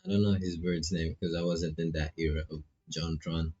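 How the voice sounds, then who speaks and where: With a husky bass voice and a dark, level tone, a Filipino-accented man commentates his visual novel playthrough at a moderate pace, reading dialogue casually and adding playful remarks. Music runs underneath, and the audio sounds dull.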